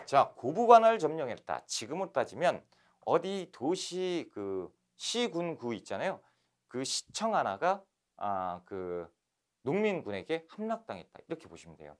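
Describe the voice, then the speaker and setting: A man from Korea giving a lively history lecture for exam candidates, telling the events as animated stories. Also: fairly high pitch, normal speed. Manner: animated storytelling, acting out scenes. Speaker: history instructor.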